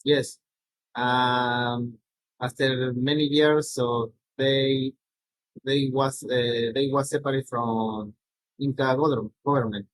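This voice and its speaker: Speaking with a Peruvian accent, this middle-aged native Spanish speaker from Peru stumbles through a slide talk full of restarts and "no?" tags. His pitch is medium and his tone steady, captured in a dry, poor-quality recording.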